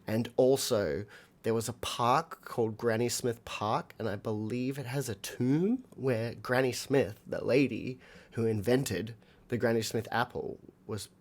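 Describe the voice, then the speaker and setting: A man's voice: medium pitch, a little slow, darkish tone. An Australian man, a musician streaming a live album reaction, rambling with many fillers and talking to his viewers.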